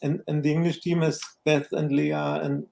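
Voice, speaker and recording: A man from Germany with a German accent, a guest pundit talking casually and haltingly about football. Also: a little high, level tone, creaky, a little mellow.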